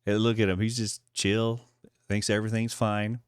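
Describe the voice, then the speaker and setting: A man's voice: on the low side, little pitch movement, normal speed, smooth, dry recording, studio quality. A man who composes film music, casually talking through the story of a short film and voicing the character's thoughts in playful quotes. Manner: narrates the woman's thoughts in playful quoted voices, laughing often. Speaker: composer breaking down his film score.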